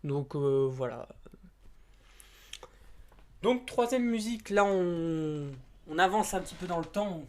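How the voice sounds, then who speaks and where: A man's voice: high voice, animated, slow pace, long pauses. A man chatting casually to camera as a YouTuber. He rambles and hesitates, with many fillers and restarts, in informal, slightly crude speech.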